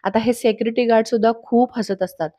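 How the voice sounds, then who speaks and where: A woman's voice: a little high, steady tone, quick pace, dark tone, dry recording, studio quality. Woman recapping a TV serial episode. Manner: storytelling, quoting characters' lines.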